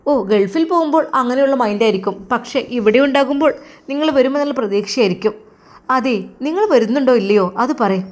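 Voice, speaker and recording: Woman doing a sharp, suspicious young wife, high voice, storybook drama. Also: quick pace, close to an everyday voice. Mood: reproachful. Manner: sharp, reproachful.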